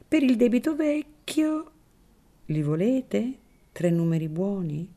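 A woman reading aloud voices a crafty, scheming male priest, drawing out her words slowly. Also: mid-range voice, very animated, mellow, pitched above the performer's own voice. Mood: sly.

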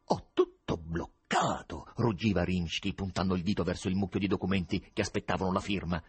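Man, audiobook reader, measured storytelling, wry asides, very husky, low-pitched. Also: steady tone. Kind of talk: reading a novel aloud.

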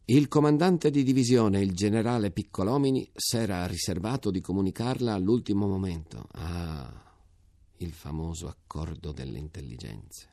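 Deep gravelly male reader. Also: mellow, dry recording, studio quality. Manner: measured, sober storytelling. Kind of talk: literary reading aloud.

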